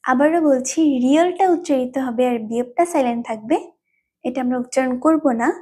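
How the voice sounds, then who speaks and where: Patient high-voiced woman teaching slowly. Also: mellow, slightly rough. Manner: patient, repeats each term slowly three times; repetitive. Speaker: language teacher. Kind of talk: explaining a language lesson.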